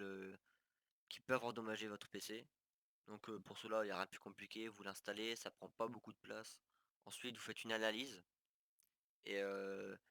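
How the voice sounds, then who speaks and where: A gaming tutorial YouTuber talks viewers through on-screen steps in a casual screen-recorded tutorial, hesitating, using many fillers, and pausing and restarting as he clicks through menus. His low, gravelly voice still sounds bright and forceful, and the close, dry recording has no room sound or echo.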